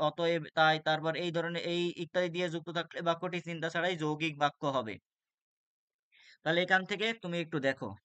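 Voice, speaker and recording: A man's voice: fairly high pitch, fairly bright tone, clean tone, no echo. A young man tutoring for an exam, reading rules aloud with many "ah" fillers and restarts. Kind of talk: exam-prep lecture.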